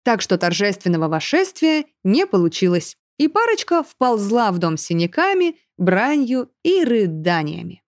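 A woman reading a fairy-tale story aloud in first person, expressive, on a close mic. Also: medium pitch, moderate pace, hardly any pauses, no echo. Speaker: audiobook reader.

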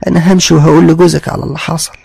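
A man putting on a shaken, pious old woman with an Egyptian accent, pitched high above his usual voice and pushed loud. She talks in a breathless, pleading rush, with a husky, gravelly edge under it. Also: little pitch movement, racing, no room sound, soft background music, exaggerated voice. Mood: frightened. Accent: Egyptian Arabic. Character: terrified pious elderly mother-in-law, woman.

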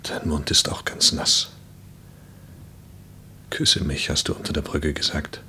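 An actor playing a tender man quietly confessing his love to an injured partner, in a classic radio play. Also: extremely low pitch, monotone, normal speed, a little hiss or hum, full character voice.

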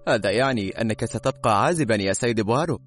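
A man's voice: lowish voice, animated, fast, a bit bright, faint music behind. A man voicing a greedy boy who protests in a whiny tone.

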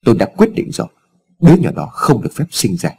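A man's voice: medium pitch, huge pitch swings, quick pace, mellow, slightly rough, exaggerated voice. A man voicing a stern, scheming wealthy father who talks in curt, scornful commands, in a storybook reading. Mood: harsh.

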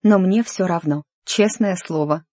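A reader voicing an emotional young noblewoman in an audiobook, speaking in a pleading, higher voice. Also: unhurried, dark tone, no echo, studio quality, lightly acted. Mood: sad. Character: young noblewoman, agitated and hurt. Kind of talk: audiobook character dialogue.

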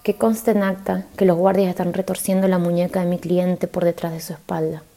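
A woman's voice: lowish voice, level tone, brisk, dark tone, lightly acted. A woman reading the lines of a defiant female defense lawyer, voicing insistent objections.

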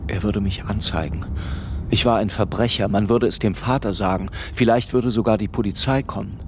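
Male narrator for radio drama, low voice, measured, noise behind. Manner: calm, measured, reflective. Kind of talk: scripted literary narration.

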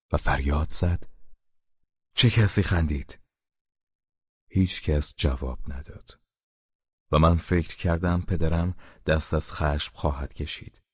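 A man narrating an audiobook in a steady, measured storytelling manner. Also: extremely low pitch, no echo. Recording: dull, muffled sound.

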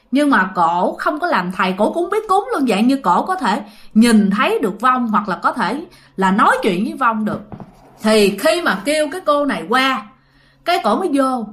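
Southern Vietnamese woman, ghost story narrator, chatty, high voice. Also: a bit bright. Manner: chatty, addresses listeners directly. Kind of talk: casual storytelling.

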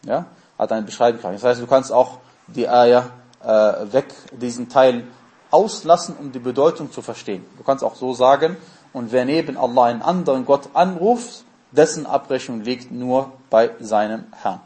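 A man's voice: mid-range voice, moderate pace, warm tone. A man giving a religious lesson, explaining terms step by step and answering his own questions. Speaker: Islamic teacher.

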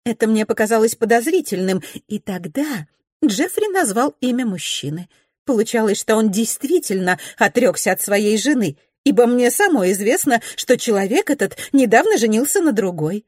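A shrill, excitable young society lady in a storybook, put on by a woman. She gushes in a high, breathless rush, with a husky edge and a lively, swooping voice. The sound is close and dry. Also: normal speed, dry recording. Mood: gushing. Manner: high, breathless, gushing gossip.

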